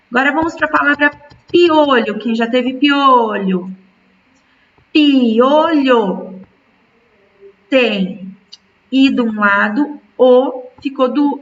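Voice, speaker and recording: A woman's voice: a little high, creaky, a bit bright, recorded from a distance, highs cut off, a little hiss or hum. A woman teaching a school lesson, patiently stretching words out syllable by syllable. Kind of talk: recorded remote school lesson.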